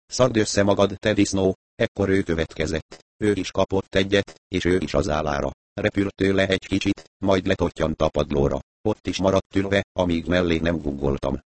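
A man's voice: low voice, a little mellow, no echo. A man narrating a first-person adventure novel in a wry storytelling manner. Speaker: audiobook narrator.

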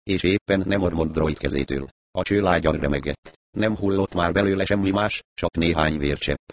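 A man reads a tense crime novel aloud in a measured, even narrating voice. His voice sits very low and deep. The recording is dry and close, with no room sound. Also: dry recording. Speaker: audiobook narrator. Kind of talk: scripted narration.

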